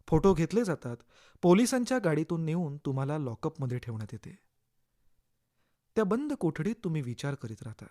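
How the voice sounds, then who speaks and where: Suspenseful male storyteller. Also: a little high. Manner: suspenseful, shifting between hushed and urgent. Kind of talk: dramatic audio-story narration.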